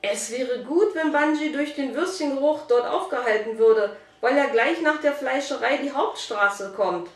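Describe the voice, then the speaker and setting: A woman's voice: high voice, moderate pace, few pauses, pitched above the performer's own voice. An eager young boy calls out in a raised, breathless voice, played by a woman reading aloud. The room echoes around the distant mic. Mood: urgent.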